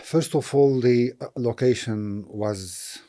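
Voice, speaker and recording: Pausing often and leaning on fillers, a middle-aged property investor from Lebanon gives thoughtful, hesitant answers in an interview, his mid-range voice carrying a warm tone.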